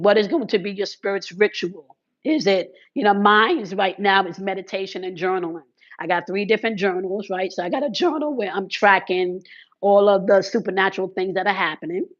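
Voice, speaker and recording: A hoarse woman who makes spiritual content talks casually to her viewers about spiritual practice, her voice crackling from blocked sinuses. She uses fillers and keeps checking in with quick "okay"s and "right"s. Her pitch is ordinary, and the audio is slightly dull and lo-fi.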